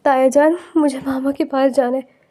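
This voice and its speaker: A woman's voice: high-pitched, steady tone, warm tone, close to an everyday voice. A woman reading as a frightened young girl. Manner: frightened, crying out.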